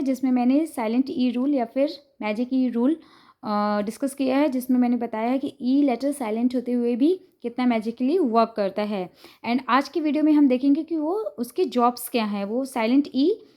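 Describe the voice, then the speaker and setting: A young woman with an Indian accent explaining a phonics lesson patiently, often pausing to check the listener is following. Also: high-pitched, mellow. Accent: Indian English. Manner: patient, repeats "ठीक है" to check understanding. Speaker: teacher and channel host.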